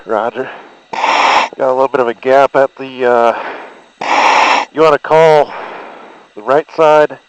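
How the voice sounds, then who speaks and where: A man's voice: medium pitch, clear, resonant tone, dry recording. Man talking from inside a diving helmet. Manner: procedural, halting delivery with clipped confirmations. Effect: diving helmet radio comms. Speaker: commercial diver inspecting a pipe. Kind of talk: terse inspection report over comms. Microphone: diving helmet microphone. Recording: noisy diving helmet radio link.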